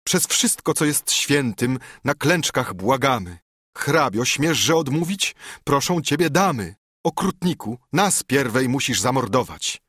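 A desperate noblewoman from a verse tale, pleading in a high, shrill, imploring voice, as a husky-voiced man puts her on. Her voice is pitched far above his own, and the recording is dry. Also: expressive, a little slow, a bit bright, no room sound.

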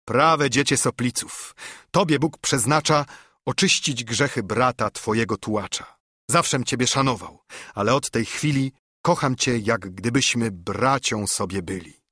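A man's voice: mid-range voice, measured pace, sharp tone, slightly rough, no echo, clean studio sound. A man reading as a fervent old monk. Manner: impassioned, urging. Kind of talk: audiobook reading of epic verse.

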